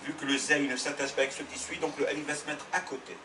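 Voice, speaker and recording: A man teaching letters in a slow, patient classroom manner, spelling out each sound. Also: fairly high pitch, fairly even intonation, background noise. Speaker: Arabic teacher. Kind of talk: classroom lesson. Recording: roomy sound from a distant mic.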